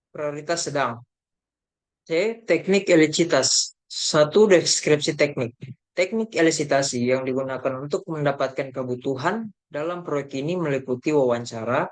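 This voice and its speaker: Young man haltingly reading slides. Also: on the high side. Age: young adult. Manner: reads haltingly, with self-corrections and fillers. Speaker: university student presenting a group report. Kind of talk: reading slides aloud in a class presentation.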